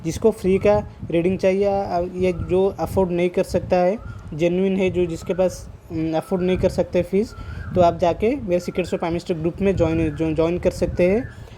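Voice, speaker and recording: Palm reader guy chatting to camera, mellow tone, repeats himself a lot, mixes in english words. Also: sits high, fairly even intonation, moderate pace, slight background noise. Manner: repeats and rephrases points while explaining; sprinkles English terms into speech. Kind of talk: casual explaining to camera.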